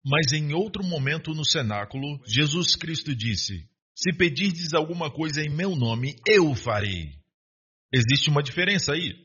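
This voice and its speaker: In a dull, lo-fi recording, a preacher sermonizes with lively intonation at a moderate pace, barely pausing as he asks rhetorical questions and calls out for an amen. His voice is a bit high, bright and forceful, with a husky quality.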